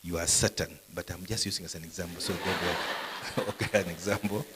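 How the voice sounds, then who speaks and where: A man's voice: low voice, fairly even intonation, brisk, noisy background. A man preaching a live sermon to university students, quizzing the audience with questions as he goes. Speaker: pastor. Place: university gathering.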